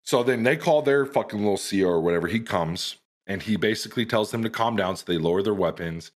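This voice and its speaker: A young American man with a lowish voice tells a rowdy, profane story to his friends. He talks casually and animatedly on a podcast. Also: fast talker. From United States. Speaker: podcast host.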